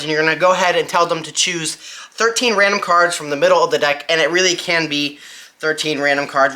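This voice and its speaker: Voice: mid-range voice, pushed and bright. A presenter giving a casual, step-by-step magic tutorial, informally thinking aloud while demonstrating by hand.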